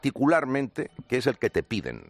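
A man on a radio panel, telling anecdotes in an animated way. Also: mid-range voice, a little fast.

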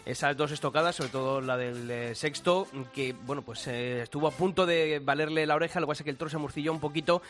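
A man talks through yesterday's bullfight on the radio, brisk and knowledgeable. He speaks very fast in a fairly high voice, with faint music behind. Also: fairly even intonation, a bit bright. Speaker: bullfighting commentator. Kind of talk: radio commentary.

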